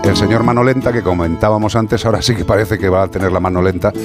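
A man's voice: lowish voice, fast talker, over music. A man hosting a radio show, bantering casually in a chummy, slangy way. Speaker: radio host.

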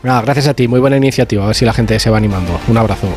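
A man with a Spanish accent, a Formula 1 reporter on a sports radio show, chatting quickly and often repeating or restarting words. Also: medium pitch, over loud music. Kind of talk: casual radio chat.

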